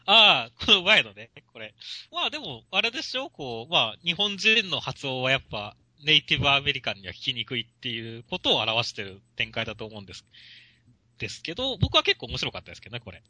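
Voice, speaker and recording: A man co-hosting a casual talk show, chatting quickly and responding with frequent agreement. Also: medium pitch, huge pitch swings, bright, forceful tone, no echo. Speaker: podcast co-host reviewing manga. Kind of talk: casual chat.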